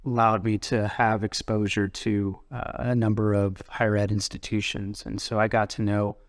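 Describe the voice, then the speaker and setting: A middle-aged man from Colorado, a university president, talking through an interview in a thoughtful, halting way with many restarts. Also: lowish voice, little pitch movement, no echo, clean studio sound. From Colorado, USA. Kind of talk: casual interview conversation.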